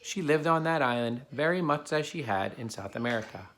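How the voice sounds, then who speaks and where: Here a man reads a children's picture book to a child helper, explaining things simply. His mid-range voice has lively intonation, a slightly fast pace, and a bit of brightness. Clear background noise runs through the clip.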